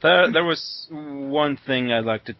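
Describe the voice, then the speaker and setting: A man's voice: on the high side, measured pace, vocal fry, no room sound. A man co-hosting a podcast in casual chat, enthusiastic and laughing often. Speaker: podcast co-host. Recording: muffled lo-fi audio.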